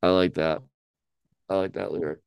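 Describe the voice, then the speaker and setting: A young man co-hosting a casual song-reaction chat, talking in a halting way with many ums and restarts. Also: deep voice, fairly even intonation, gravelly, darkish tone, smooth, no room sound. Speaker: podcast co-host.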